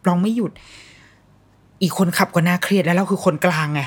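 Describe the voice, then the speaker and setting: Woman, 30s, husky lower register, blunt casual storyteller sharing mom advice. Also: fairly even intonation, brisk. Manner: blunt, colloquial, acts out quoted voices. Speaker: mother sharing parenting advice.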